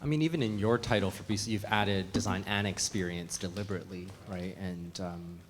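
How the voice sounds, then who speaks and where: A man's voice: sits low, fairly quick, big-room sound, a little hiss or hum. A man leading a workshop discussion, asking tentative, probing questions with fillers. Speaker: workshop facilitator. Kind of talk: meeting discussion.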